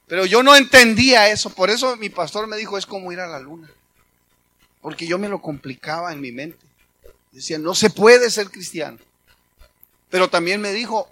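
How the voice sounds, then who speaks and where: A middle-aged man with a Mexican accent preaches in a conversational, story-driven way, acting out remembered conversations. His voice sits high and sounds bright and forward. A faint hum of room noise lies under the sermon. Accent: Mexican Spanish. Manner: conversational storytelling, animated quoting. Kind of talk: sermon testimony.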